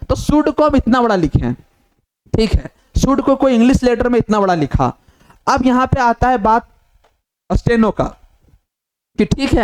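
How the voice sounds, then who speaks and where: A high-pitched man explains a lesson step by step. He talks the way a teacher does in class, asking a question and then answering it, and he goes over each point again. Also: darkish tone. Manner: repetitive, asks questions and answers them himself. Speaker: shorthand teacher.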